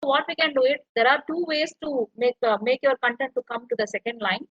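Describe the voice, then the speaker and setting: Woman lecturer, bright and fairly high voice, walks through each step as she types, dull dry call audio. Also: fast, no echo. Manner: explains step by step while typing. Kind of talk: online tutorial walkthrough.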